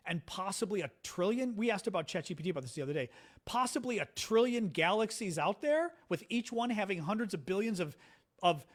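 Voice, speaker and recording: A man with a fairly high voice that jumps all over the place hosts a relaxed political livestream from home. He talks in a chatty, sarcastic way and breaks off to answer his chat. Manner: animated, chatty, sarcastic, reads chat aloud. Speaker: livestream host. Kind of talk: casual political commentary livestream.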